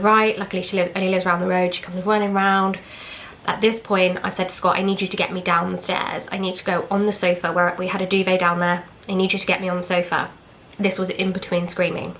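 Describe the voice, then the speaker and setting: Young English woman vlogger, chatty and candid, low flat delivery, slight hiss behind. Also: a little fast. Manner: candid, chatty, retells with quoted dialogue and fillers. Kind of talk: casual storytelling.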